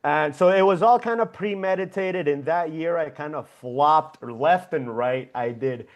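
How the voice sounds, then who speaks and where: A man's voice: fairly high pitch, a little slow, highs cut off. A young man from Venezuela speaks as a guest founder on a casual interview over a video call. He talks reflectively and rambles a little, with plenty of fillers.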